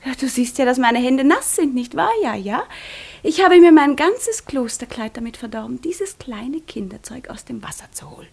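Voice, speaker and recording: A proud, breathy young convent girl. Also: sits high, lively intonation, normal speed, a little mellow, heavily acted. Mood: teasing. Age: young adult. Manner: drops often to a tense whisper. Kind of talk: studio radio drama acting.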